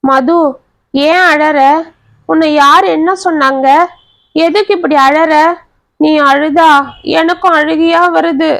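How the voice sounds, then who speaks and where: A woman voicing a gentle, childlike man who asks naive questions in a soft, pleading way. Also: very high-pitched, fairly even intonation, slow, pauses often, pitched above the performer's own voice, full character voice. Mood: innocent, sobbing.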